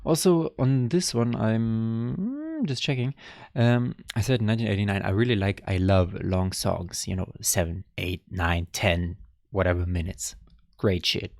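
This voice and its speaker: A man's voice: on the low side, unhurried, vocal fry, darkish tone, no echo, clean studio sound. A young man casually reacting to an album, thinking aloud in a rambling, hesitant way. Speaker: music reaction vlogger.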